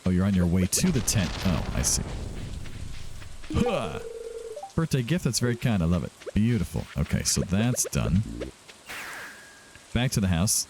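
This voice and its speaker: A man hosts casual let's-play commentary, talking to himself and to the game's characters. His low-pitched voice is very animated but a little slow, with frequent pauses and background noise behind it.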